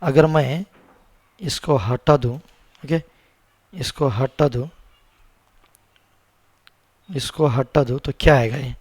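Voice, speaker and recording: A man's voice: medium pitch, takes it slowly, long pauses, a little mellow, husky, dry recording. A man with a sore throat, teaching a screen-recorded coding lesson and repeating words many times as he types. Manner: asks the viewers questions as he teaches. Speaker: programming instructor.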